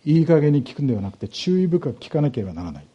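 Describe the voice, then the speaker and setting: Male pastor delivering an expository sermon; dark, husky voice, patient teaching manner. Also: fairly high pitch, very animated, muffled recording. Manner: explanatory, measured, with rhetorical questions to the congregation.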